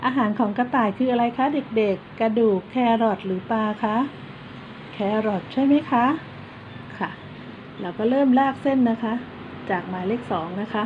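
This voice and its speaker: A woman teaching kindergarten children in an online lesson. She coaxes them patiently and spells words out slowly, one letter at a time. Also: fairly high pitch, phone-quality sound. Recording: steady background noise.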